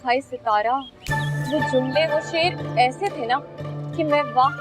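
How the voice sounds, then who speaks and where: शेखी बघारने वाली जवान सहेली, जो अपने रिश्ते पर इतराती है। उसकी आवाज़ ऊँची है। पीछे संगीत साफ़ सुनाई देता है।. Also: female voice, high-pitched, slow pace, music in the background. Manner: bragging, dreamy. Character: boastful young woman friend, smitten. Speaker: friend. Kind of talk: TV drama acting.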